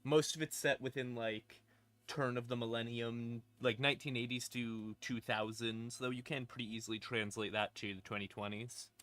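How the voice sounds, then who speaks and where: Creepy ambient music runs under this male streamer's mid-range, fairly bright voice, which keeps a fairly even intonation at a moderate pace. Telling stories on a livestream, he rambles casually and pokes fun at himself, then slips into atmospheric horror narration addressed to "you."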